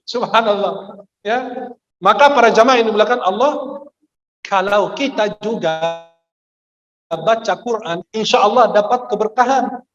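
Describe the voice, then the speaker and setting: Guy preaching in a funny storytelling way, really high voice, dull lo-fi sound. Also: a little slow, long pauses, reverberant. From Egypt. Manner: lively storyteller who acts out the people in his stories. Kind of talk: humorous Ramadan sermon with anecdotes. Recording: dull lo-fi recording.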